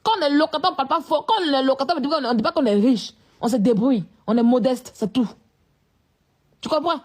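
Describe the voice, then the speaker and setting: Woman vlogger, high-pitched, confrontational rant. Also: brisk, a little mellow. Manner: scolding, repetitive, confrontational. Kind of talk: live-stream rant.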